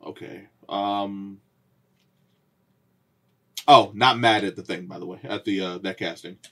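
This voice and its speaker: A man co-hosting a casual podcast, teasing his partner and laughing often, sometimes dropping to a low mutter. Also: fairly even intonation, unhurried. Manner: teasing, laughs a lot, drops low and quiet. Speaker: podcast co-host. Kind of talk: casual chat.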